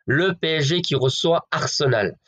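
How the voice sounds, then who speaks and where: A man's voice: fairly high pitch, moderate pace, fairly bright tone, dull audio. A man giving football betting predictions in a casual, chatty way, talking straight to his viewers with lots of fillers. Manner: chatty, addresses viewers as friends, hedges with fillers.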